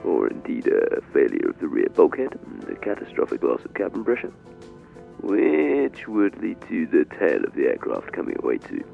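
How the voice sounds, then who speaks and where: An actor playing a heartbroken, bitter airline captain who gives calm, matter-of-fact cabin announcements in polite announcer phrasing. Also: male voice, sits low, normal speed, gravelly, narrow, tinny audio, faint music behind, full character voice. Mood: deadpan. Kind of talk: comic in-flight announcement.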